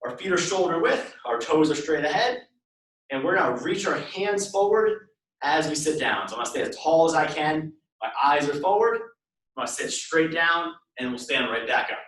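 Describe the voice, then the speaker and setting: An expressive man with a fairly high, bright voice leads a workout class live at a normal pace. He counts down reps and repeats short step-by-step cues, sounding distant in an echoey space.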